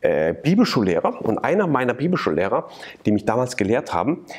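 A man's voice: mid-range voice, big pitch swings, fairly quick, darkish tone, slightly rough. A man telling his faith testimony in an interview, earnest and preaching, with many repeated phrases. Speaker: interview guest.

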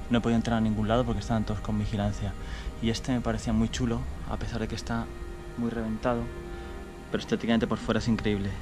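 A young man with a Spain Spanish accent, narrating as he carefully explores an abandoned building, often talking low and cautiously. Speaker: urban explorer vlogger. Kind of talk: casual vlog narration. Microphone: action camera.

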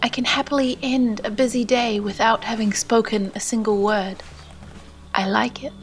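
A Canadian woman narrating a travel vlog in a gentle, hushed voice that sometimes drops to a whisper, and reading poetry aloud. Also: a little high, steady tone, normal speed, slight background noise. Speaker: vlogger. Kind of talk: soft-spoken voice-over narration and poetry reading.

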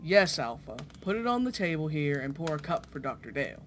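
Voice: medium pitch, sing-song, brisk, music in the background, close to an everyday voice. An actor playing a proud, genial inventor professor in a formal, theatrical 1940s radio style. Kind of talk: 1940s radio drama acting.

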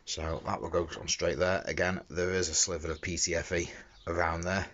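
Talking a little fast, a middle-aged tradesman who cleans windows explains a fitting in a casual how-to. His low voice has a fairly bright tone and fairly even intonation. It was captured on a handheld phone in a small enclosed work area, sounding dull and noisy.

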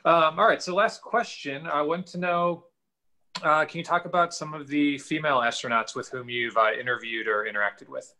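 Bright-voiced man hosting a show. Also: a little high, normal speed, low-quality recording. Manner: upbeat, chatty, many fillers. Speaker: host. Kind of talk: hosting a virtual talk show. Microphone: video call.

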